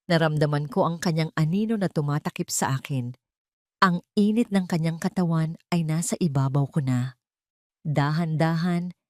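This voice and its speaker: Female storyteller, lowish voice, dry close sound, tense dramatic first-person narration. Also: dark tone, dry recording. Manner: tense, suspenseful, emotional.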